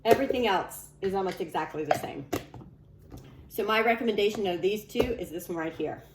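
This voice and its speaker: Woman, cooking show host, casual and chatty, emphatic drawn-out phrases, roomy echo, slight background noise. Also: medium pitch. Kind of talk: casual video presenting. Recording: echoey room with faint background noise.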